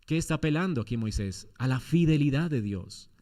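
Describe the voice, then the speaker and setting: A man's voice: mid-range voice, expressive, fairly quick, mellow. A man preaching a sermon as pastor, firing off rhetorical questions with emphatic swings in his delivery.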